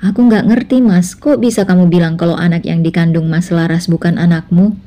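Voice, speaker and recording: A woman's voice: fairly low pitch, steady tone, brisk, warm tone, lightly acted. A woman voicing an eager, insistent young second wife in a spoken family drama story. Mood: questioning.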